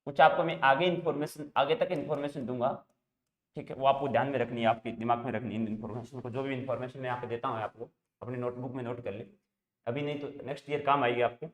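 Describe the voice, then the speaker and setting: Speaking quickly in a steady mid-range voice, a man teaches math by repeatedly posing questions and supplying the answers himself. The room has a noticeable echo.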